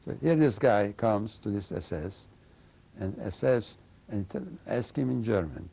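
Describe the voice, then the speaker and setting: An older man speaks in a low, gravelly voice with a dark, husky tone. He gives oral history testimony, halting and searching for his words. He keeps adding "you know" as he goes. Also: expressive. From Slovakia and Hungary. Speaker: interviewee recounting memories.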